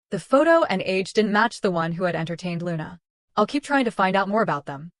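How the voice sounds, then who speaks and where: A woman giving scripted first-person narration of a story in an even, measured way. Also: medium pitch, no echo, studio quality.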